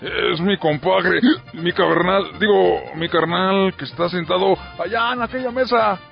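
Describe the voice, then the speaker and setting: A gruff, blustering old politician with a Mexican accent in a radio comedy sketch. His voice is gravelly and fairly high for a man, with a crude, bullying edge. The sound is lo-fi radio with faint music underneath. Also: unhurried, heavily acted. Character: crude bigoted older male politician, gruff. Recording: lo-fi radio broadcast.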